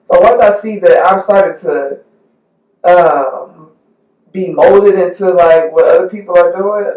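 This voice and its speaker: Casual co-host, a man with a high voice, animated and blunt, picked up far off in an echoey room. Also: measured pace. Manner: animated, swears freely, acts out quoted voices. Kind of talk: casual candid chat. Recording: echoey room, far from the mic, dull sound.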